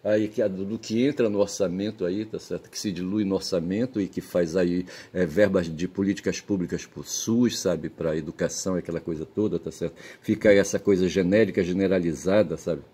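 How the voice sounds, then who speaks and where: A Brazilian channel host talks fairly quickly and with hardly any pauses, his low, mellow, breathy voice keeping a fairly even intonation. His Brazilian Portuguese monologue rambles and keeps checking in via "tá certo?" and "sabe?". He's pedantic, folksy and blunt, swearing now and again.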